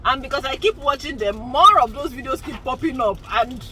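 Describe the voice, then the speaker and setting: With a high, lively, bright and forceful voice, this woman in her forties talks briskly to her vlog viewers. She rambles casually and laughs a lot, and the recording is rough.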